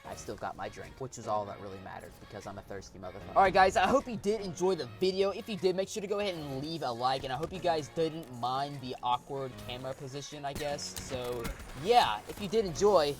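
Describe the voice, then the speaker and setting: A young man vlogging, telling a casual story with animated exaggeration and swearing. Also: fairly high pitch, fast talker, few pauses, faint music behind. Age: young adult.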